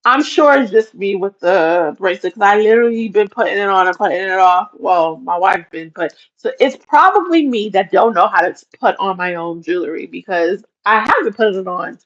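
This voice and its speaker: A woman's voice: mid-range voice, expressive, moderate pace, few pauses, fairly bright tone, muffled recording. A woman chatting casually on a livestream, rambling and often laughing as she talks. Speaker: livestream host.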